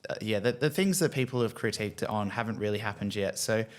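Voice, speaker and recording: A man's voice: fairly low pitch, fast. A man hosting a podcast, talking conversationally with frequent restarts. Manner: conversational, lots of "you know" and restarts. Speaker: podcast host. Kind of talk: casual chat.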